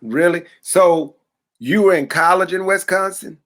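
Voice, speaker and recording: A man's voice: sits high, unhurried, a bit bright. A man hosting a podcast interview, chatting casually and asking eager questions. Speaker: podcast host.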